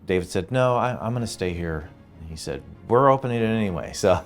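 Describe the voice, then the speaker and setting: A man's voice: on the low side, fairly quick, faint music behind. A middle-aged man, a guest co-owner of a funeral home, telling stories in a casual interview with frequent laughs and restarts. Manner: animated anecdotes, laughing often, restarts mid-sentence.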